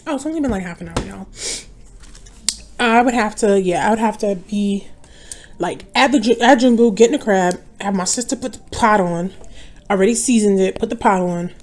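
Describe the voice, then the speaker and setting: A woman's voice: medium pitch, moderate pace, a little mellow. A young woman chatting casually to her viewers while she eats, rambling from one thought to the next and calling them y'all. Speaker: mukbang vlogger. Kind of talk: casual chat while eating.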